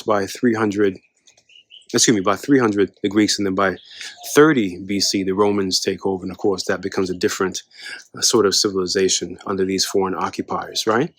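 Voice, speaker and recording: Man, lower voice, lecture-style explainer, rhetorical questions, lots of ums, dry sound. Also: fairly bright tone, dry recording. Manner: rhetorical questions, many fillers. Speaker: educational channel host.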